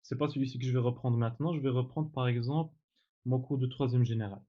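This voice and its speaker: A man teaching in a relaxed tutorial, demonstrating software step by step with frequent fillers and self-corrections. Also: mid-range voice, fast talker, highs cut off. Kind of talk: screen-recorded tutorial.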